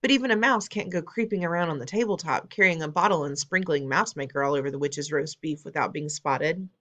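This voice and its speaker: A woman reading aloud, voicing a brisk, determined elderly grandmother with a genteel, firm manner. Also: deep voice, fairly bright tone, dull audio. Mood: plotting. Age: older.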